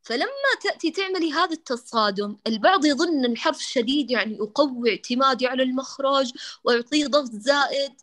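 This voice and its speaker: A woman leads a Quran recitation lesson, her voice sitting a little high. She explains patiently, demonstrating each letter sound again and again, and addresses her students with warm terms of endearment. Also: quick pace. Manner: affectionate, addresses students as dears. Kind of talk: online class, tajweed correction lesson.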